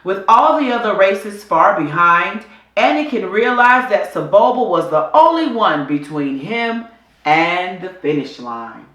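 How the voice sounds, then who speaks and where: Reading from a script, a woman tells a children's adventure story unhurriedly and dramatically, her voice bright and precise with animated shifts in pitch. The room around her is echoey.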